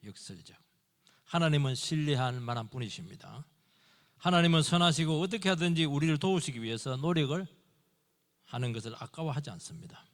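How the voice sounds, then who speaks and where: A middle-aged male pastor preaching a Sunday morning sermon, acting out dialogue in short, animated bursts. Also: on the high side, fairly quick. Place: church sanctuary. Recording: long hall reverb in a church.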